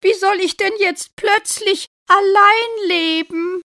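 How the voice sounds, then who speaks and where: A woman voicing an old farm rooster in a storybook reading, crowing and excited. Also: extremely high pitch, takes it slowly, pitched above the performer's own voice, heavily acted. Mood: startled. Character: old farm rooster, loud, fearful then eager.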